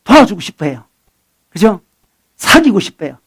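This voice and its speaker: A middle-aged man preaching a sermon as a pastor, conversational and animated, swinging between loud bursts and soft asides. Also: sits high, moderate pace, husky. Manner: acts out dialogue with his son.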